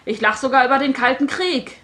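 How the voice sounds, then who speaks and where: A woman's voice: sits high, a little fast, sharp tone, pitched above the performer's own voice. A woman voicing a relentlessly cheerful, bossy old grandmother who talks in a triumphant, brash way, in a read-aloud story. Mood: triumphant jolly. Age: older.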